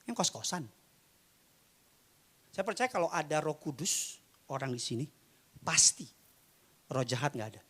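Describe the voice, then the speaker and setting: Animated bright-voiced preacher man. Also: unhurried, long pauses, husky. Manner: animated preaching, shouting high bursts then dropping to quiet storytelling. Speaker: pastor. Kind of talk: sermon. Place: church.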